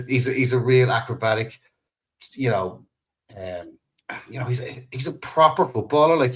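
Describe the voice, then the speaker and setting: A man's voice: mid-range voice, fairly bright tone. An Irish man co-hosting a fan podcast, chatting about football in an enthusiastic, jokey way. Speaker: podcast co-host. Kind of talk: casual football chat.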